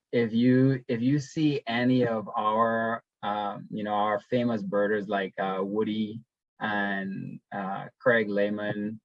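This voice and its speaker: A man's voice: fairly low pitch, no echo. Bahamian man presenting a casual webinar. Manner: relaxed, conversational, with frequent ums and restarts. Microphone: video call. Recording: dull, dry webinar audio.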